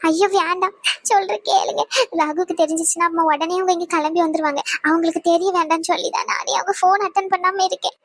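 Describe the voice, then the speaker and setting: A woman's voice: very high voice, steady tone, fast talker. A woman voicing a defensive young woman friend in a cartoon, protesting and pleading. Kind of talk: cartoon voice acting.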